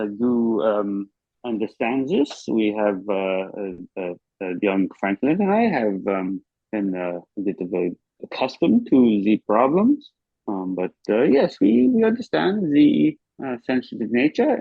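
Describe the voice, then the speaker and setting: Hesitant, low-voiced man on a lo-fi mic. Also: creaky, husky, no echo. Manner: hesitant, full of ums and uhs. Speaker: player. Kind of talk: in-character tabletop role-play. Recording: dull lo-fi mic.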